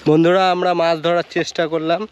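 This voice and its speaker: A man's voice: on the high side, completely flat delivery, fast, highs cut off, slight background noise. A man, vlogging and talking to viewers at a rural quarry lake. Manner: chatty, addresses viewers directly. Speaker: travel vlogger. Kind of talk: casual outdoor vlog narration.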